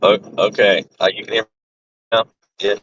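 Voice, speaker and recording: A man's voice: lowish voice, level tone, normal speed, fairly bright tone, breathy edge. A man calling into an online debate, his audio choppy and cutting in and out with robotic glitches. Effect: choppy call audio cutting in and out, robotic glitches. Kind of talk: casual argument. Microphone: online voice call. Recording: muffled lo-fi online call with faint noise.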